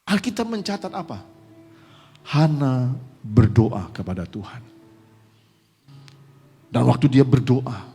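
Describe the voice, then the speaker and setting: A man's voice: a little high, gravelly, darkish tone, slightly rough. A man pastor preaching a conversational sermon, addressing the congregation directly and asking them rhetorical questions. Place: church sanctuary. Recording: long church hall reverb.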